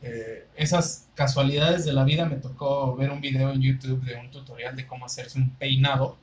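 A man's voice: mid-range voice, fairly even intonation, normal speed, poor audio. A Mexican man co-hosting a podcast, curiously explaining where words come from in casual chat. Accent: Mexican Spanish. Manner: curious, explanatory, thinks aloud. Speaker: podcast co-host.

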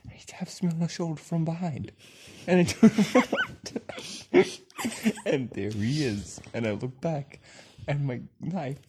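A man's voice: fairly high pitch, very animated, unhurried, dark tone, slight background noise. A man doing improvised crude comedy banter, rambling through absurd profane stories and often breaking into laughter.

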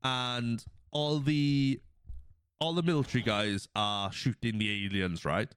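Sniffling from a cold, a male podcast host with a smooth, mid-range voice speaks slowly as he recaps a film scene by scene. He tells it with animation, acting out quotes and laughing often, and the studio recording is clean with no echo.

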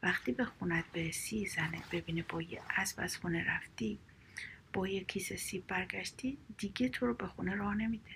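A man's voice: high voice, fairly even intonation, sharp tone, a little hiss or hum. A woman voicing a skeptical male farmer in a whispered role-play, blunt and doubting. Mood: doubtful whisper.

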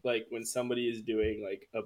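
A man's voice: fairly low pitch, level tone, brisk, a little mellow. A young man co-hosting a casual podcast chat, joking and swearing with frequent laughs. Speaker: podcast co-host.

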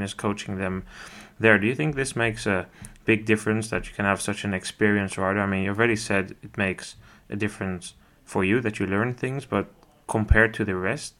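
A man's voice: lowish voice, a bit bright. A man hosting a cycling podcast, asking long, rambling questions and correcting himself along the way. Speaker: podcast host. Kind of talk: interview questions.

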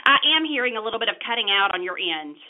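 A woman, a mother taking part as a guest, talking warmly and chattily over a phone speaker. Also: medium pitch, animated, very fast. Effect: heard over a phone speaker. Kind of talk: casual phone chat. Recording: narrow phone-line sound.

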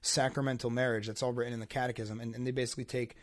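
A man talking casually on a podcast, circling his point with many restarts and fillers. His voice sits at an ordinary pitch. The recording is dry and close, with no room sound. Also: flat delivery, racing, no room sound. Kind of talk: casual chat.

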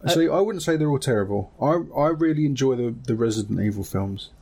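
A man from Essex with an Essex accent and a husky voice, hosting a casual podcast chat. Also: mid-range voice, lively intonation, a little fast, a little mellow. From Essex, England. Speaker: podcast host.

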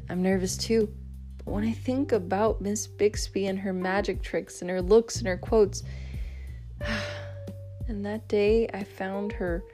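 A woman narrating a children's chapter book in the first person with lively storytelling. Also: mid-range voice. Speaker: audiobook narrator.

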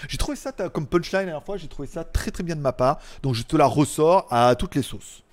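A man's voice: on the high side, animated, fairly quick. Chatty man in his forties. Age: 40s. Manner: rambling, chatty, joking, with frequent fillers. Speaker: live stream host. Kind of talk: casual live chat reading viewer comments.

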